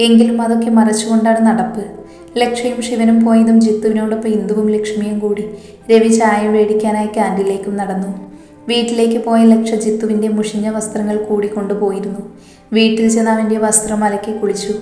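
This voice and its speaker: A woman narrating a romantic story in a steady, even storytelling manner. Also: medium pitch. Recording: roomy echo, faint background music.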